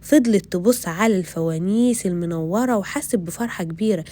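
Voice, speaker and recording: A woman's voice: mid-range voice, a little fast, warm tone. A woman with an Egyptian accent narrating a children's story in a friendly tone, speaking to young listeners. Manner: friendly, addresses children directly.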